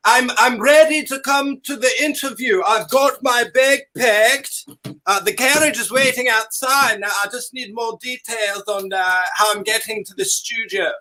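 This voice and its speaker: Man as flamboyant ancient dandy, high bright tone, plummy and theatrical. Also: moderate pace, slight background noise, rough recording. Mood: grand. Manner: theatrical, plummy, calls people darling. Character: flamboyant centuries-old dandy, theatrical and grand. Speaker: guest. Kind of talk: in-character comedic interview.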